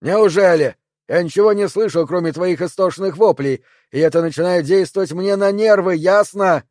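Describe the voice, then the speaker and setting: A man voicing an irritated male neighbor in his thirties, a mechanic, shouting loudly through a door. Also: sits high, moderate pace, dry recording, studio quality, voice pushed up, natural voice. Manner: loud, shouting, exasperated.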